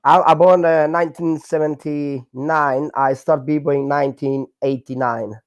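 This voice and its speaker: A man in his forties from Hungary with a Hungarian accent, telling his story in a casual interview with many fillers and halting non-native grammar. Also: a little high, fairly even intonation, dry recording. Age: 40s. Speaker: guest, breakdancer.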